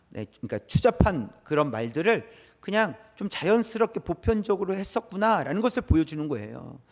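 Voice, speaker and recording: A man preaching a midweek sermon in a church, speaking in a bright, high register. His pitch swings widely as he talks. He keeps it conversational and often puts questions to the congregation. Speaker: pastor.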